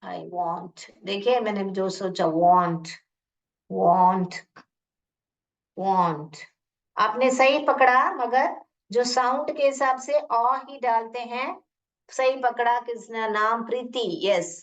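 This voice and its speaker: Indian lady teacher, slow phonics class, repeats sounds, kinda far from the mic. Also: on the high side, a bit bright. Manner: slow, repeats sounds and words, asks questions. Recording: muffled, distant from the mic.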